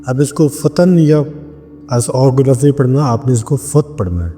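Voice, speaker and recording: Male spiritual teacher from Pakistan, warm low-key tone, deliberate dictation with repeated words, long reverb on the voice. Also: animated. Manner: slow, deliberate dictation, repeating each word several times. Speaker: spiritual practitioner teaching a ritual. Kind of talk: instructional talk. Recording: long reverb with faint background music.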